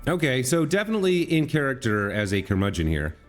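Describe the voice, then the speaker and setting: A man's voice: mid-range voice, big pitch swings, fast, faint music behind. A man giving casual let's play commentary, musing and thinking aloud as he goes. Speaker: gamer commentator.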